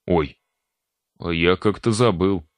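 A man's voice: deep voice, slow pace, no room sound. A man voicing a cheeky, whiny young necromancer who jokes and complains with mock indignation.

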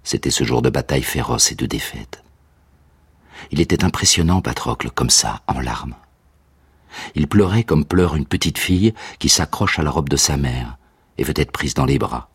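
An actor playing a grieving old male tutor who recalls the war in a slow, hushed, grave monologue for a radio drama. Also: very deep voice, animated, husky, dry recording, full character voice. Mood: mournful. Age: older. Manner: slow, hushed, grave delivery with whispered phrases. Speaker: narrator of a radio reading.

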